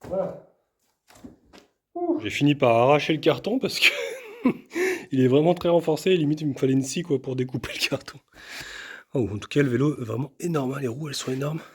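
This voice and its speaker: Husky, chatty man unboxing a bike. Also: a little high, fairly quick, pauses often, darkish tone. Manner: enthusiastic, chatty, lots of fillers and repeated words. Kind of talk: casual unboxing vlog.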